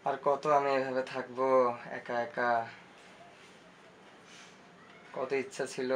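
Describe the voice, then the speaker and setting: A man's voice: a little high, a little hiss or hum. An actor playing a shy, lovesick young man, murmuring to a photo of his crush and getting flustered. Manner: dreamy murmuring, then flustered and shouting. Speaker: lead character. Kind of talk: comic short-film acting.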